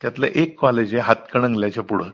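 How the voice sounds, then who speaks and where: Over a muffled, lo-fi phone line, a middle-aged man explains things earnestly and in detail, much like a college principal, slipping English words into his speech. His voice is medium in pitch, a little bright, and he talks quickly.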